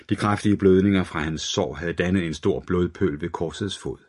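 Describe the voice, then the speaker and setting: A man narrates a crime thriller audiobook in a very deep voice. His telling is steady and dark, scripted and even.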